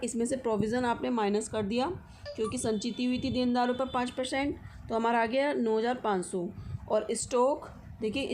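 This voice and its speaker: High-voiced woman teaching accounts. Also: slight background noise. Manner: explains step by step with frequent check-ins. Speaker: commerce teacher. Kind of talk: accounting lesson walkthrough.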